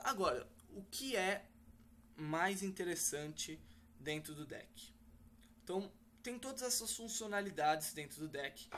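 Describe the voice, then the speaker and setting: A man talks through a coding lesson step by step, stopping often to correct himself with fillers. His voice sits a little high. The mic is somewhat far from him, with a faint hiss behind. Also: fairly bright tone. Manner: explains step by step with many fillers and self-corrections. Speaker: programming teacher. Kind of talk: screen-recorded coding lesson.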